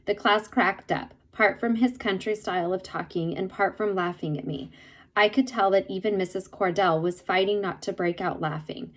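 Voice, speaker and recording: A woman reading a novel chapter aloud in steady storytelling narration. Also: medium pitch, normal speed, poor audio. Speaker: reader.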